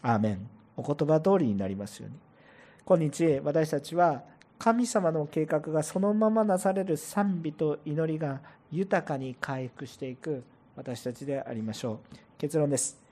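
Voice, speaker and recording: A man preaching a sermon to a church congregation as pastor, animated and asking listeners rhetorical questions. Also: on the high side, measured pace. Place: church service before a congregation.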